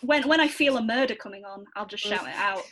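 A woman's voice: medium pitch, fast talker, over a noisy crowd. A woman chatting casually on a comedy podcast, teasing the others with dry wit. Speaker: improv comedy podcast cast member. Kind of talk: casual chat.

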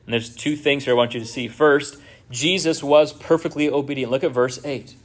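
A man's voice: medium pitch, fairly even intonation, moderate pace. A man preaching a sermon in a church, conversational, with many rhetorical asides to the congregation. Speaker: pastor.

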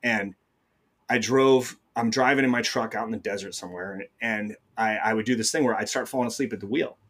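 Fast-talking middle-aged man telling a story. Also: on the low side, a bit bright. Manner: storytelling, rapid, many restarts. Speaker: guest. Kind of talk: casual conversation.

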